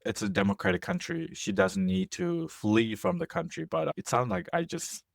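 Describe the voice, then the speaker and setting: This slightly high male voice moves at a moderate pace, with vocal fry and no echo. He's a young man of Korean descent who grew up abroad, co-hosting a podcast in a jokey, animated way and frequently stopping to correct himself.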